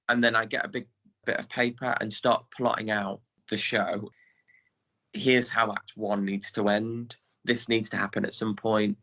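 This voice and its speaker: With highs cut off in the audio, this lowish, pushed and bright male voice belongs to an interview guest from England. Speaking with an English accent, the pantomime director and scriptwriter casually explains his theatre directing.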